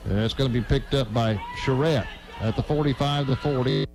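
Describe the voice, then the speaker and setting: A man with a medium-pitched voice does fairly quick live radio play-by-play of a football game, broadcasting from an outdoor high school football stadium.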